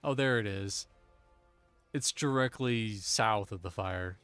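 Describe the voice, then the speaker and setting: A man's voice: on the low side, slow, fairly bright tone, clear, resonant tone, no echo, faint music behind. A man streaming an online game with friends, chatting casually in a playful, jokey, self-teasing way into a desk microphone. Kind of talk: casual gaming chat.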